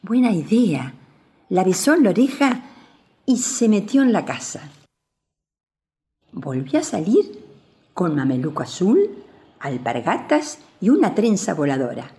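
A woman reads a children's story aloud, expressive and sing-song. Her voice sits low with a lively, animated pitch. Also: unhurried, pauses often.

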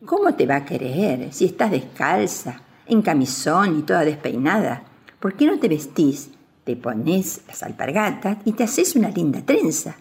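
A woman's voice: lowish voice, very animated, moderate pace, darkish tone. A woman voicing a sensible farm cow in a children's storybook, matter-of-fact and scolding.

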